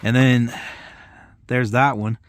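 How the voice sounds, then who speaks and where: A man's voice: mid-range voice, steady tone, takes it slowly, clear, resonant tone, dry recording, studio quality. A man hosting a video, explaining products in a casual, rambling, informal way. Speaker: host of an ammunition test channel. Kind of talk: casual product-test commentary.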